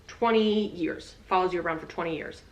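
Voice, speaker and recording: A woman's voice: fairly low pitch, fairly quick, low-quality recording. A woman co-hosting a podcast, rambling through stories in casual chat and often laughing. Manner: giggly, rambling storyteller. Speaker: podcast co-host.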